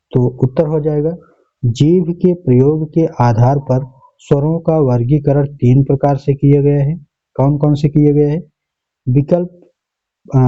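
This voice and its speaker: A man's voice: medium pitch, mellow. A male teacher working through an exam paper step by step, often repeating answers and checking in with the class. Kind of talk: exam paper walkthrough lesson. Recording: dull lo-fi recording.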